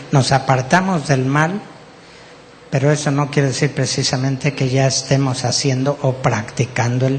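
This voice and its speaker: A man's voice: medium pitch, long reverb tail, slight background noise. A Mexican man preaching a sermon to his congregation, teaching patiently and often checking that his listeners follow along. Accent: Mexican Spanish. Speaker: pastor. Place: church hall.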